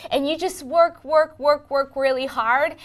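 A woman's voice: high-pitched, steady tone, measured pace, fairly bright tone. A middle-aged woman from Ukraine in an interview, earnestly explaining her work through vivid analogies. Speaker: interviewee, software engineering manager. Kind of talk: conversational interview.

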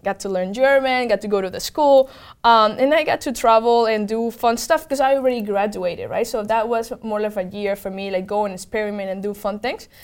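Speaking fairly quickly in a smooth, medium-pitched voice, a native Spanish speaker with a Venezuelan accent responds to an interviewer. She's a guest on the show, a tech program manager, and she answers in an informal, enthusiastic way.

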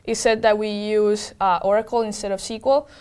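A woman's voice: medium pitch, steady tone, a little fast, a little mellow, clean tone. A young woman from Venezuela, a native Spanish speaker working as a program manager, answering interview questions in casual chat with many fillers. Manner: upbeat, lots of fillers and restarts.

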